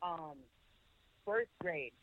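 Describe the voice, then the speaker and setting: A woman's voice: fairly low pitch, animated, very slow. Woman on a muffled, dropping call. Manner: hesitant, full of fillers and restarts. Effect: muffled, dropping call connection. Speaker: interview guest. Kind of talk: emotional personal testimony over a call. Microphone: remote video call. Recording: tinny, dry call audio.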